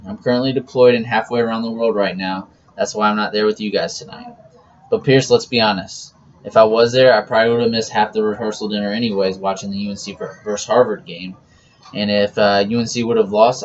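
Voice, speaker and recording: A young man giving an informal, teasing best man's wedding toast speech as a recorded message. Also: lowish voice. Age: young adult. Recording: muffled lo-fi audio with background noise.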